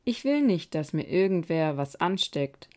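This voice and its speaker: Casting: timid little wooden puppet boy, storybook, read by a woman, lowish voice. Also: big pitch swings, measured pace, darkish tone. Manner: timid and unsure.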